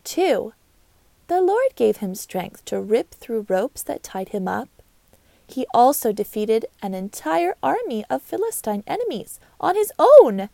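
A woman voicing a cheerful, curious young ladybug girl in a storybook, with bubbly excitement. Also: medium pitch, vocal fry, dry recording.

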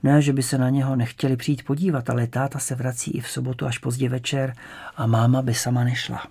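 A male storyteller reads the tale at an even pace, his voice carrying a gravelly edge. He keeps the narration calm and measured, in a middle register. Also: medium pitch. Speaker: audiobook narrator. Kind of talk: scripted narration.

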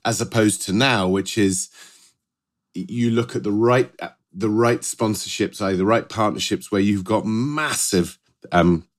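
A man's voice: on the low side, measured pace. A middle-aged British man co-hosting a podcast in a conversational style, often rephrasing as he goes. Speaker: podcast co-host.

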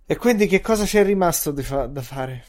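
A man's voice: fairly high pitch, animated, brisk, darkish tone. A man co-hosting a podcast in casual, joking chat, often repeating his phrases. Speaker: podcast co-host.

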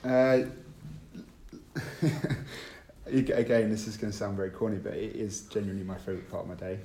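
A man answering interview questions, hesitant and quick to laugh. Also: on the low side, crowd noise. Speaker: interview guest, business owner. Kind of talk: casual interview. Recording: roomy with faint background noise.

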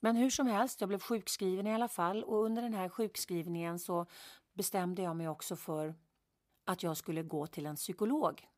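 A woman's voice: on the low side, darkish tone, no echo, studio quality. A woman telling a personal story in a vivid, emphatic way, repeating words for effect and correcting herself as she goes. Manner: vivid, emphatic retelling with repetitions and self-corrections.

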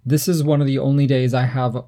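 A man's voice: medium pitch, quick pace. A man in his thirties co-hosting a casual podcast, telling stories in a playful, irreverent way. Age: 30s. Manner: animated storytelling, playful and irreverent. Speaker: podcast co-host. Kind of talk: casual chat.

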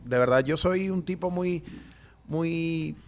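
A man guesting on a podcast, telling stories in an animated, jokey way. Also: on the high side, slow pace. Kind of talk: casual chat. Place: Miami.

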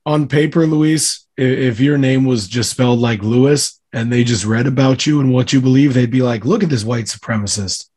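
A man's voice: mid-range voice, normal speed, hardly any pauses, a little mellow. A man co-hosting a podcast, emphatic in casual chat. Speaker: podcast co-host.

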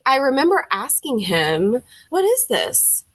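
A young music teacher from Tennessee with a Southern accent tells her story as a podcast guest in a casual storytelling interview. She's animated, acting out her own quoted reactions, thinking aloud and using frequent fillers. Her voice is high, at a measured pace, with no echo.

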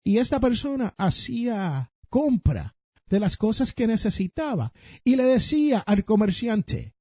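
A Puerto Rican man hosting a personal finance podcast, telling stories in an animated way and speaking straight to his listeners. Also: sits high, a little slow, breathy edge, no echo, clean studio sound. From Puerto Rico. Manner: animated storytelling, addresses listeners directly. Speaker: podcast host.

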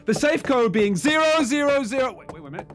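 A man's voice: very high voice, very animated, quick pace, fairly bright tone, soft background music, exaggerated voice. A man doing a pompous, dotty detective. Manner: theatrical, pompous and scatterbrained. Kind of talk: comedy audio drama acting.

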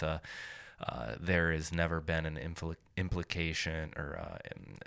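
Deep, smooth-voiced man, hesitant podcast host. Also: fairly bright tone, no echo. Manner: hesitant, many uhs and ums, dry quips. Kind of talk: casual podcast interviewing.

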